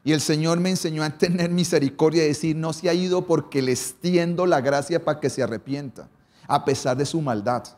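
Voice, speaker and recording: With a somewhat mellow, slightly high male voice, a pastor preaches by mixing fast stretches with slow, weighty lines and varied emphasis. He frequently stops on rhetorical questions.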